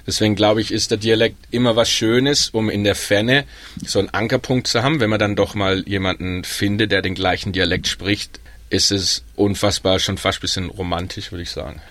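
Brisk and fairly low-pitched, a young man with a Baden German accent chats casually as a panel guest, dropping lots of ums in his relaxed manner. He works at a pub in Melbourne.

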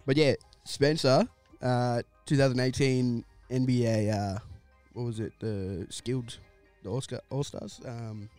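A man's voice: medium pitch, fairly even intonation, measured pace, hardly any pauses, darkish tone, smooth, faint music behind. A man co-hosting a casual basketball podcast, laid-back and joking with slangy banter. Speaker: podcast co-host.

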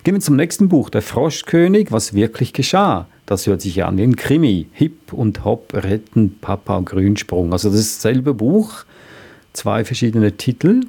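Gravelly low-voiced man. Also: big pitch swings, normal speed, mellow. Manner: hesitant, many fillers. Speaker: co-host presenting children's books. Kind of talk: casual chat.

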